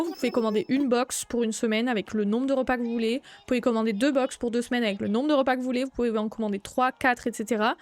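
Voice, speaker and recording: A young woman with a fairly high voice chats casually with viewers on a live stream, greeting them by name and bursting out excitedly.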